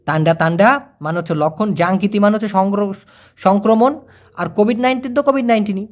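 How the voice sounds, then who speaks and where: A man teaching a casual video lesson, explaining slowly, repeating words and checking that viewers follow. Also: high voice. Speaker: language teacher.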